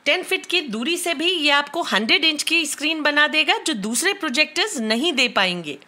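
A woman with an Indian accent talks through a product review in a high, bright voice. She explains in a clear, matter-of-fact way. Her tone stays even and steady as she narrates. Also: moderate pace. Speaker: tech reviewer. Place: bedroom at home.

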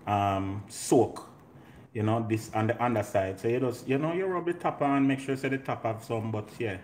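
A middle-aged Jamaican man hosts a live home cooking demonstration in his indoor kitchen, casual and playful as a home cook and show host. His voice is mid-range and darkish, at a moderate pace. The roomy kitchen audio is clear, with pots clattering.

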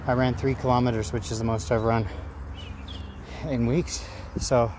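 A middle-aged man talking casually to his phone outdoors in a halting, phrase-by-phrase way, as an amateur runner making a vlog. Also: medium pitch, level tone. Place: outdoors among trees. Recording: noisy outdoor ambience with traffic. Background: outdoor and vehicle noise.

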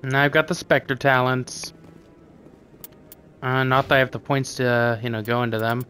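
A man's voice: mid-range voice, little pitch movement, moderate pace, sharp tone, soft background music. A man casually commenting while playing a game, goofy and mocking.

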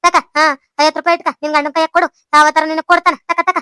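A woman plays a chattering old grandmother from a village in a cartoon, fussing and gushing with a North Karnataka Kannada accent. The voice is very high and bright, rattling along fast, and the recording is dry and close. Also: level tone, no room sound. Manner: fussy, gushing, lots of sighs. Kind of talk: cartoon voice acting.

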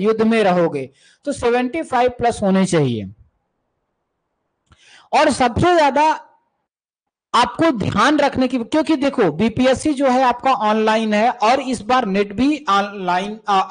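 A man with a very high voice coaches students for music teacher exams, heard on a low-quality recording. He repeats key terms and calls students "beta" while answering questions from viewers.

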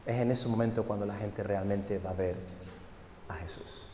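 A man's voice: lowish voice, normal speed, slight background noise. A male pastor, preaching a sermon and telling a story. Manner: storytelling, animated. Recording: echoey hall.

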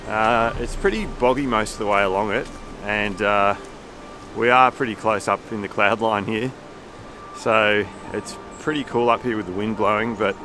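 A man in his forties talks in a relaxed, meandering way, full of small fillers, as he hikes a windy mountain forest trail. His voice sits fairly low, caught on a camera held at arm's length. Clear background music runs under the outdoor sound. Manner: easygoing, meandering, with many fillers. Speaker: hiking vlogger. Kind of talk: casual walking commentary.

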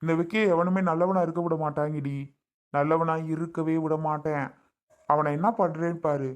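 A woman's voice: deep voice, steady tone, normal speed, darkish tone, pitched below the performer's own voice, natural voice. A woman voicing a hot-tempered young husband who talks in curt, blustering commands. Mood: angry.

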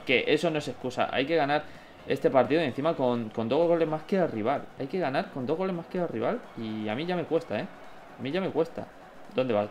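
Excitable young man, gameplay commentary. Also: on the high side, slight background noise. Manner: excitable, talks to viewers and players, bursts of shouting. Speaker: gaming YouTuber. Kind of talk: mobile football gameplay commentary.

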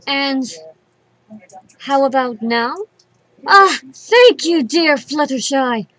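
A woman's voice: high voice, expressive, slow pace, fairly bright tone, exaggerated voice, poor audio. A woman voicing a regal, imperious cartoon moon pony princess who declaims dramatically in formal, archaic royal speech. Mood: eager, stiff. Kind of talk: cartoon character voice reel.

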